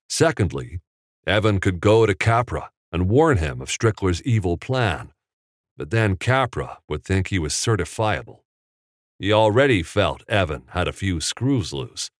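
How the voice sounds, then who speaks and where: A man narrating an audiobook in a measured, steady storytelling manner on a close studio mic. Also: deep voice, dry recording.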